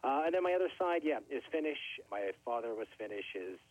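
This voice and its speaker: A man's voice: medium pitch, sing-song, quick pace. A middle-aged man from Canada, a record label owner, talking casually as an interview guest, friendly and full of fillers. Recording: tinny phone line, dry.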